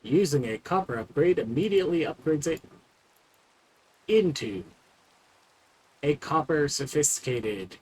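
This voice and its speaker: A man's voice: a little high, lively intonation, measured pace, pauses often, darkish tone, a little hiss or hum, low-quality recording. A man casually commenting on his own gameplay, rambling and talking to himself with frequent fillers. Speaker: streamer.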